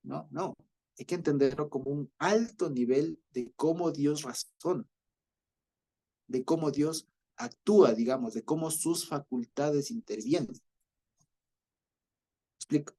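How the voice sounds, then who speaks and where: Husky Ecuadorian preacher, explaining patiently. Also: male voice, on the high side, unhurried, long pauses, mellow. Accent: Ecuadorian Spanish. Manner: explanatory, repeats himself with many fillers and checks for understanding. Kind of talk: bible study teaching.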